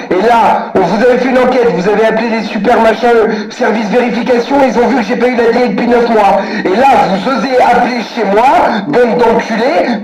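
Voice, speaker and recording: A man ranting furiously at a customer service line, swearing constantly and muttering to himself between calls. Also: very high-pitched. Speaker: irate customer on a prank call. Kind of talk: angry phone rant, swearing. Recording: echoey room, recorded phone call.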